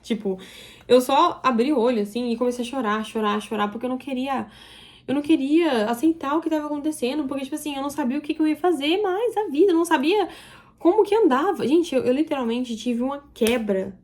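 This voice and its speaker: A woman's voice: sits high, fast talker, a little mellow. A young woman telling a personal story to her viewers in an emotional, confiding way. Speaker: vlogger. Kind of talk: confessional storytelling to camera.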